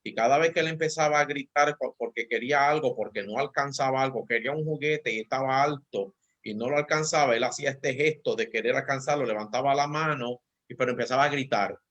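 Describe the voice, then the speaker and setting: A man, a pastor on a church talk show, calmly discussing parenting with personal anecdotes. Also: medium pitch, brisk.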